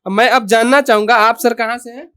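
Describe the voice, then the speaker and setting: A man's voice: extremely high pitch, fairly even intonation, brisk, a bit bright, clean tone. A man hosting a promotional video in a repair lab, talking at length and asking short repeated questions. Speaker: host. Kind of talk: promotional interview.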